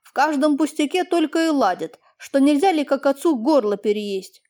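Reading an audiobook, a woman voices an older peasant man in a high, animated register above her natural voice, at a moderate pace with a darkish tone. The character is meek, sorrowful and fawning, speaking plaintively and deferentially in a sorrowful mood.

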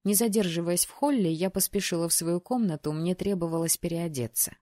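A woman reading a first-person novel aloud in an expressive, measured way. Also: fairly low pitch, no echo, clean studio sound. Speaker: audiobook reader.

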